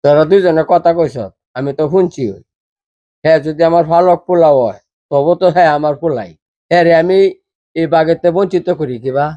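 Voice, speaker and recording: A man's voice: fairly high pitch, brisk, warm tone, dry recording, muffled recording, natural voice. A man playing a stern rural father who scolds his grown sons, speaking. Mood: brooding. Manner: scolding, commanding. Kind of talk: village drama skit.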